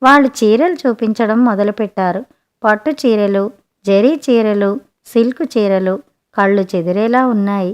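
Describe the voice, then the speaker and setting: A woman narrating a written short story in a gentle, expressive audiobook manner. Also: medium pitch, moderate pace, clear, resonant tone.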